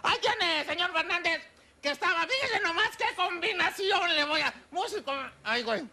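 An actor playing a corny male stand-up comic with a Mexican accent, using a high put-on voice and giggling at his own bad jokes in a TV comedy sketch. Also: expressive, normal speed, pushed and bright, heavily acted. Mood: giggly.

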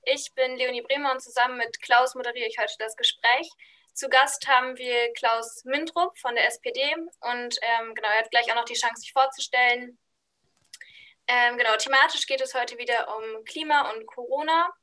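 Young woman moderating, high bright voice. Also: fairly even intonation, moderate pace. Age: young adult. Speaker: host, moderator. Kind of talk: moderating an online talk. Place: room at home. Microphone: video call webcam.

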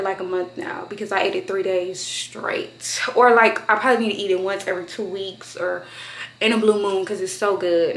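A young woman chatting to her camera at home in a slangy, expressive way. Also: mid-range voice, a little hiss or hum. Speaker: vlogger. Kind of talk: casual chat to camera. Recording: roomy echo.

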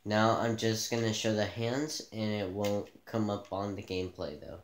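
A man giving a casual gameplay tutorial, relaxed and thinking aloud as he plays in a dim room, filmed by a camera pointed at the TV. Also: lowish voice, moderate pace, roomy sound, slight background noise. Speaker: gaming channel host.

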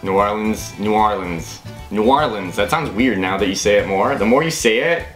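Animated young man with a Minnesotan accent. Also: lowish voice, moderate pace, roomy sound, faint music behind. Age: young adult. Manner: playful, teasing. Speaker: host. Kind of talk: casual banter, word pronunciation challenge. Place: small indoor room, wood-panelled.

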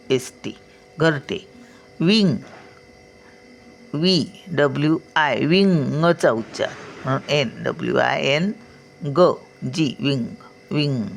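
Slow, gravelly elderly woman teaching. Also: deep voice. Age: older. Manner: sounds words out syllable by syllable, drawn out; patient, explains and checks with "हं?". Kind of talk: slow spelling lesson.

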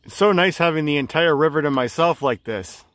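A man in his thirties filming himself outdoors on a phone at arm's length, calmly narrating a solo canoe trip down a river like a tour guide. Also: a little high, fairly quick, background noise. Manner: calm, informative, tour-guide-like. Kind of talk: casual travel narration. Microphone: phone camera at arm's length.

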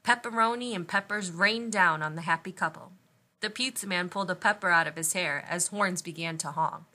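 Woman reading a kids picture book out loud, lively and expressive, bright tone. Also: fairly low pitch, a little fast. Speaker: storybook reader. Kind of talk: picture-book read-aloud.

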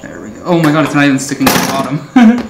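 A young man casually talking through a cooking demo in a home kitchen, relaxed and laughing often. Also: a little high, fast talker, heavy background noise. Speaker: home cook host. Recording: roomy kitchen with background music.

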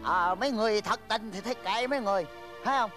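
An older man with a Southern Vietnamese accent playing a boastful, stubborn village father in a comedy film, exclaiming loudly. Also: high-pitched, quick pace, faint music behind. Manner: blustery, exclaims loudly, lively swings. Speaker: film actor.

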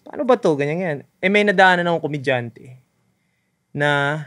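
A man in his thirties, a content creator, telling stories in a casual podcast chat, animated and mixing in English with "bro". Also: fairly high pitch, normal speed. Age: 30s. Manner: animated storyteller, mixes English into Tagalog, says "bro".

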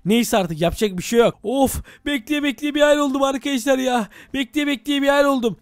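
High-voiced, fast-talking game host. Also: male voice, dry recording. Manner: dramatic, exclaiming to viewers. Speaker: game video host playing village head. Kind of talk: game role-play narration.

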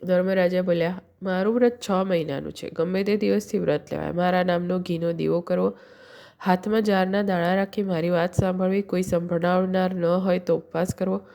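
A woman reading a devotional folk story aloud as a storyteller, in a steady recitation with small slips and restarts. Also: fairly low pitch, normal speed, gravelly.

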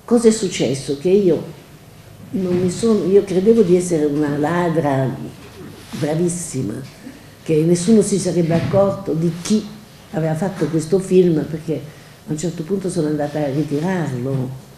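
An older woman telling lively anecdotes at a public talk, acting out the dialogue. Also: low-pitched, moderate pace. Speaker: guest author. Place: event hall. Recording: echoey hall with faint noise.

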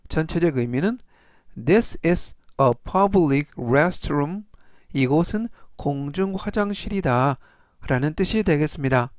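Korean-native male vocabulary teacher, slow formal delivery, dry close mic. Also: fairly high pitch, darkish tone, no room sound. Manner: repeats each word three times, measured and formal. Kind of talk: slow, deliberate vocabulary lesson.

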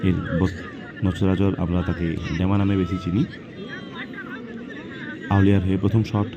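Male football commentator, low register, short repetitive announcing phrases, live outdoors with clear crowd and background noise. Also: flat delivery, normal speed, muffled recording. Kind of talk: live penalty shootout commentary.

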